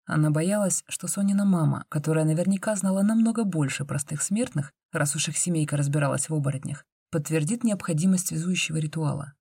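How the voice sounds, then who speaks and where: A woman narrating an audiobook in an even, measured way. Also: deep voice, vocal fry, husky, dry recording, clean studio sound. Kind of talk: audiobook reading.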